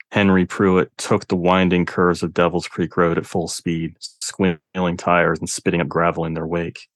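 Deep, flat-voiced male narrator. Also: dry recording, studio quality. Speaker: audiobook narrator. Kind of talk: scripted narration of dark fiction.

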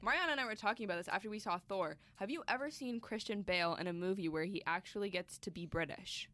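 A woman's voice: mid-range voice, fast talker, fairly bright tone, no echo. A young woman, a recent graduate, chatting as a guest on a talk show in a teasing, outspoken way. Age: young adult. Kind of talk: casual chat.

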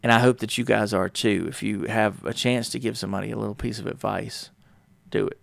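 Gravelly middle-aged man telling a podcast story. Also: fairly low pitch, fairly even intonation, fairly quick, no echo. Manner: rambling, self-correcting, warm storytelling with frequent fillers. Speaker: podcast host. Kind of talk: casual solo podcast storytelling.

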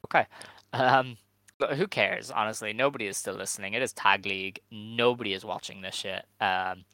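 A man hosts a casual podcast in a relaxed, easygoing way, leaning on ums as he moves between topics. His voice is bright and forward, and the sound is close and dry. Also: on the low side, moderate pace, no echo, poor audio. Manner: laid-back, steers the running order with fillers. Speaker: podcast host.

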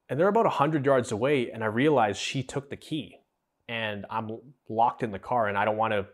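Lowish-voiced young man telling a personal story. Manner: conversational, earnest, acts out quoted dialogue. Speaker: podcast host.

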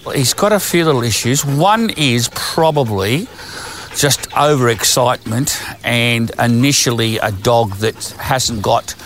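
Down-to-earth dog trainer. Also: male voice, mid-range voice, a little slow, a bit bright, a little hiss or hum. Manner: down-to-earth, storytelling with acted-out quotes. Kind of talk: explaining while demonstrating. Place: outdoors at dog kennels.

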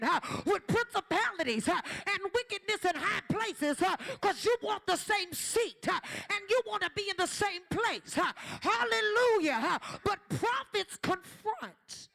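A preacher with a very high-pitched, gravelly voice gives a booming motivational sermon. The tone is bright and forceful, exhorting listeners in short bursts, each punctuated with an "uh".

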